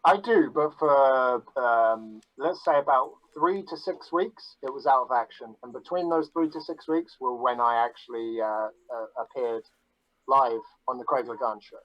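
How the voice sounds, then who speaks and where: A man chatting casually on a podcast, bragging about himself in a deadpan, mock-grandiose way. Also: mid-range voice, moderate pace, no echo, muffled recording. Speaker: guest.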